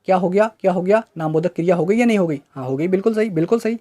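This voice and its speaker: A teacher runs an online exam-prep grammar lesson, quizzing listeners with questions they then answer and adding "right?" after nearly every point to check understanding. The voice is mid-range, very fast and mellow.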